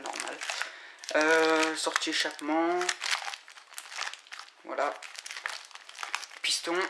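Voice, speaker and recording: A man giving a casual, halting unboxing commentary, full of fillers and restarts. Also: on the high side. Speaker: vlogger unboxing scooter parts. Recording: echoey room with loud noise and crinkling.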